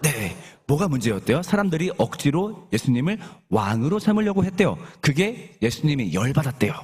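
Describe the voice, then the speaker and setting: A male pastor delivers a conversational sermon, often putting questions to the congregation and leading them in reading scripture aloud together. His voice sits fairly high and sounds husky. His pitch rises and falls in an animated way. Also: fairly quick. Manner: questions the congregation and leads group Bible reading.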